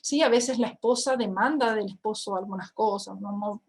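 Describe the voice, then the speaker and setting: A woman's voice: fairly high pitch, moderate pace. A middle-aged woman, giving a talk to parents on family communication and acting out little dialogues. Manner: acts out family dialogues in lively quoted voices.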